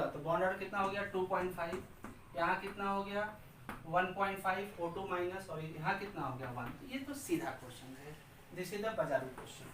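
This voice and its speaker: A man's voice: high-pitched, fairly bright tone. A male chemistry teacher lecturing a class, drilling students by asking questions and answering them himself, and repeating key terms in a chanting rhythm. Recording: echoey room, distant mic, faint hiss.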